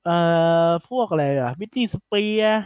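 Male podcast host, slightly high voice, animated and filler-heavy, dry close sound. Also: drawn-out words, smooth, no echo. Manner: chatty, animated retelling with many fillers. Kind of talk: casual podcast chat.

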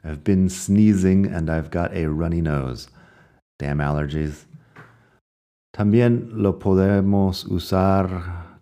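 A man's voice: low-pitched, warm tone. A man from the United States teaching English phrases in a lesson, explaining patiently and reading each example twice with an American accent. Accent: American English in his English examples. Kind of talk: language lesson narration.

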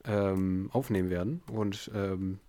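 Speaking slowly in a warm, steady voice, a podcast host who has a headache and feels unwell drifts through a casual chat. He sounds tired and low-key, rambling and filling space with fillers, over a remote bot-recorded call.

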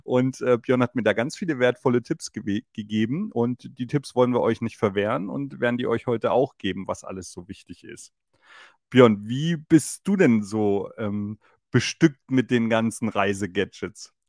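A man's voice: mid-range voice, normal speed, a little mellow, no echo, studio quality. A man in his thirties co-hosting a podcast in casual chat, talking freely with many fillers and laughs. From Germany. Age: 30s. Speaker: podcast co-host.

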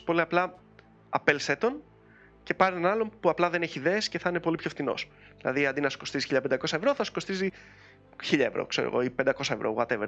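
Male podcast host, higher-pitched, bright and forceful tone, chatty and animated, faint music underneath. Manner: chatty and animated, with frequent fillers. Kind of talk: casual chat.

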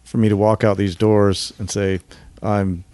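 A man's voice: lowish voice, little pitch movement, a little slow, darkish tone, no room sound. A man graduating from seminary, answering interview questions in a sincere, emphatic way.

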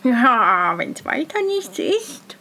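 A woman's voice: fairly high pitch, big pitch swings, slow pace, pushed and bright, heavily acted. A woman voicing a sly, self-assured village sexton in a fairy tale reading. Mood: smug.

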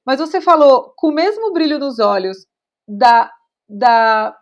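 A Brazilian woman hosting a podcast, chatting casually and pausing often with restarts from home. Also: sits high, animated, highs cut off. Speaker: podcast host. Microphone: remote recording at home.

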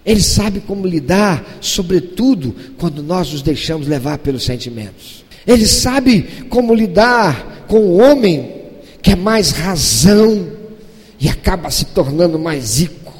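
A preacher in his fifties delivers an impassioned sermon in a high, lively voice. He swings from loud exhortation to hushed asides, and a long reverb from the church hall trails his words. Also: a little slow. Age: 50s. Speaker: pastor.

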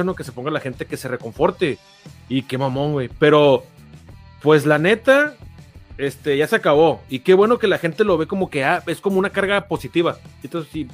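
A man with a Mexican accent co-hosting a podcast, chatting casually in rambling, heavy slang. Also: fairly high pitch. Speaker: podcast co-host. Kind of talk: casual chat.

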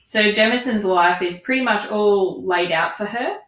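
A woman's voice: mid-range voice, moderate pace, fairly bright tone. A woman co-hosting a podcast, talking in a casual book review style. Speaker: podcast co-host. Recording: echoey room.

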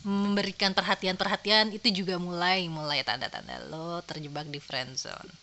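A woman's voice: on the low side, moderate pace, pushed and bright, slight background noise. A woman co-hosting a podcast, chatting casually in slang and laughing often. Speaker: podcast co-host. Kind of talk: casual chat.

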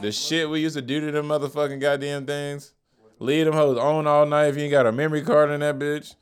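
A man's voice: on the high side, flat delivery, brisk, smooth. A man co-hosting a casual show, reacting to music videos with loose, profane banter and laughter. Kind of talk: casual chat.

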